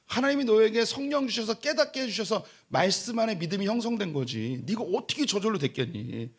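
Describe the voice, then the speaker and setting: A man's voice: high-pitched, animated, fairly quick. A middle-aged man, a pastor, preaching a sermon in a church sanctuary. He acts out boastful church members in quoted voices and rises to emphatic, raised-voice preaching.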